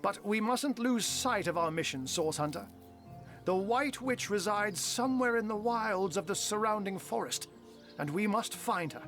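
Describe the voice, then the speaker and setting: An actor playing a sly old wizard in cat form in a fantasy game, arch, wordy and conspiratorial. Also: male voice, high-pitched, lively intonation, moderate pace, a bit bright, soft background music. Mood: earnest. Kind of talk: fantasy game character dialogue.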